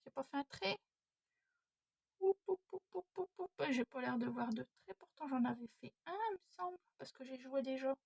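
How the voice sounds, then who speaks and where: This recording is dry, and the woman's high voice is gravelly and slightly rough, a little fast with few pauses. In her thirties, the budgeting vlogger thinks aloud and mutters to herself at home as she tackles savings challenges.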